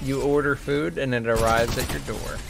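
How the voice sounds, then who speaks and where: A man's voice: mid-range voice, fairly even intonation, normal speed, vocal fry, very noisy. A man streaming a video game and chatting casually, full of joking, rambling banter. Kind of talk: casual gaming stream chat.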